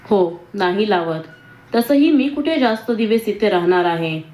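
A woman voicing a timid, hesitant young woman in a read-aloud romance story, speaking with soft pleading. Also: medium pitch, expressive, a little slow, lightly acted. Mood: hurt.

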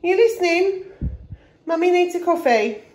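A woman's voice: very high voice, animated, moderate pace, darkish tone, reverberant. A middle-aged woman cooing affectionate baby talk to her pet cat.

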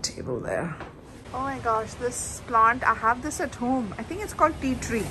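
A middle-aged woman from India talks into her phone held at arm's length, rambling in a relaxed, chatty way full of fillers and restarts. The phone video picks up clear background noise from a car and the outdoors. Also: a little high, normal speed. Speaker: vlogger. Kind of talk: casual travel vlog. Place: outdoors, in a car and in a small cottage. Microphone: phone camera at arm's length.

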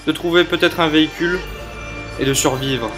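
A young man commentating his own gameplay in an animated, jokey, exclamatory way. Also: fairly high pitch, moderate pace, over music. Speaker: let's play host.

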